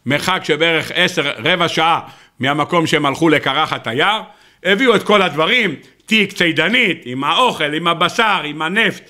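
A rabbi delivering a sermon, an animated storyteller who talks straight to his listeners. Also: a little high. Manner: animated storyteller, acts out the people in his stories; addresses the audience directly. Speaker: rabbi giving a weekly Torah talk.

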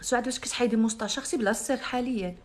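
A young woman with a Moroccan Arabic accent who talks fast and sits a little high in her range. She hosts a live stream, and her delivery is brash, mocking and full of bragging. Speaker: live-stream host selling products.

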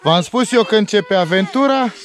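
Playful teasing Romanian dad. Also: male voice, high voice, expressive. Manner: playful, teasing, fatherly instructing. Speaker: father and family vlogger. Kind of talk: casual family vlog. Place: outdoors in the mountains.

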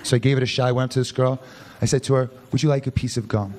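A man in his thirties doing a dry, deadpan stand-up set on a club stage, speaking into a handheld mic. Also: medium pitch, rapid-fire. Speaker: stand-up comedian. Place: comedy club stage before a live audience. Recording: loud club crowd and noise. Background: loud audience laughter.

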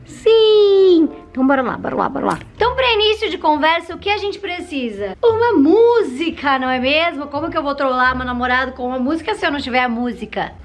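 A young Brazilian woman vlogging in casual, animated chat, nervous and giggly, with sudden squeals. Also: high-pitched, fast, few pauses, soft background music. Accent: Brazilian Portuguese. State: nervous and excited. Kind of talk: excited casual vlog chat.

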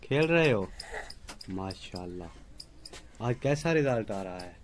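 A man's voice: on the low side, lively intonation, slow pace, a little hiss or hum. A man vlogging at home, patiently quizzing a child on letters and numbers and calling out to the children at play. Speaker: family vlogger. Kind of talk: casual home vlog.

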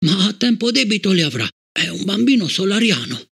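A man's voice: high-pitched, big pitch swings, fairly quick, creaky, fairly bright tone, husky, voice pushed up, heavily acted. Man voicing an anxious, pleading old scholar. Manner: agitated, pleading, breathless. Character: anxious, stammering elderly male scholar.

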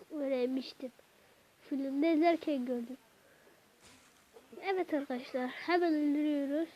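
A woman hosting a gaming channel, chatting to her viewers while she plays, with sudden excited outbursts at the game. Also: high voice. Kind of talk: let's-play gameplay commentary. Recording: dull lo-fi recording.

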